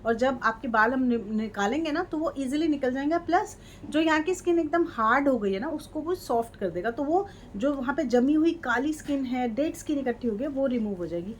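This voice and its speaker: A woman's voice: high voice, lively intonation, brisk. A woman chatting casually through a home beauty remedy, often checking in the viewer. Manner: chatty, repeats "ठीक है" and "ये देखो". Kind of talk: casual how-to demonstration. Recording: light background noise.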